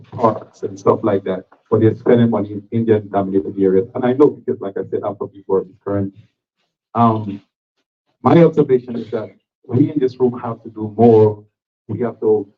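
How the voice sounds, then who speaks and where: A man from Guyana, speaking up as an audience member at a community town hall, hesitant at first and then firm. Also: on the low side. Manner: hesitant with fillers, growing firm. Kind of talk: public comment at a community meeting. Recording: phone-like thin sound.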